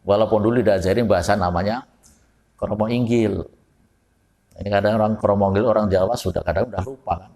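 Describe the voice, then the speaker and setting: A man's voice: on the low side, fairly even intonation, a little fast, pauses often, a little mellow, in a large hall. A Javanese man preaching a folksy study sermon to his congregation, often putting questions to the audience. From Java. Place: mosque hall.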